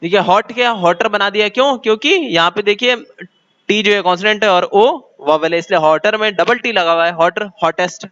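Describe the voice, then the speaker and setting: Speaking in Hindi with an Indian accent, a man teaches English grammar step by step, asking his class questions and reading English rules aloud slowly. His voice is high-pitched, bright and forceful, and the audio is dull.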